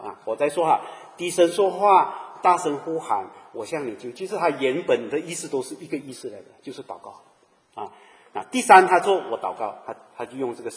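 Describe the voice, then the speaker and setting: A male preacher delivering a lively sermon, turning to his listeners with questions and slipping into little acted scenes. His mid-pitched voice rings out with a long reverb, as if filling a large church hall. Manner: animated, asks the listeners questions and acts out little quoted scenes.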